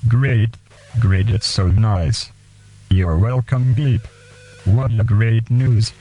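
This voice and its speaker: A man hosting a radio show, speaking in slow, deliberate, halting phrases and reading poems aloud. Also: lowish voice, fairly even intonation, dark tone, rough recording. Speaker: radio host.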